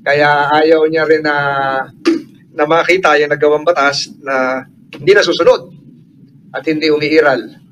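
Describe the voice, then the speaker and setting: A man's voice: fairly high pitch, steady tone, a little slow, pauses often, lo-fi sound, noisy background. A Filipino man chairing a hearing, asking formal questions politely with hesitant fillers. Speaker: committee chair. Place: senate hearing room.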